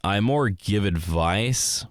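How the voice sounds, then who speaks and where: A young man hosting a rambling solo podcast, animated and acting out quotes in a raised voice. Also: fairly low pitch, slow pace, no room sound, studio quality. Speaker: podcast host. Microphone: close mic in a small dry space.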